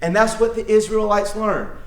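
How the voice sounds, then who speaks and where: A man's voice: high-pitched, fairly even intonation, moderate pace. A man teaching children a Bible story in a playful, dramatic way, speaking straight to the kids. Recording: echoey room.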